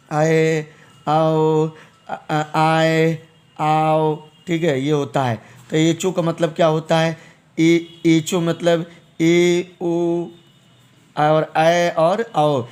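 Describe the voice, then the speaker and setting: Man, teacher, slightly high voice, repeats terms, stretches vowels. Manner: explains step by step, repeats terms, drawn-out vowel sounds. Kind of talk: exam-prep lesson.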